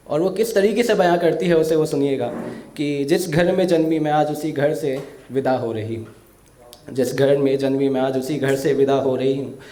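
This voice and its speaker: A man performing an emotional poetry recitation for an audience, slow and heartfelt, repeating verses with rising emphasis. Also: medium pitch, dark tone. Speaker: poet. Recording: echoey room.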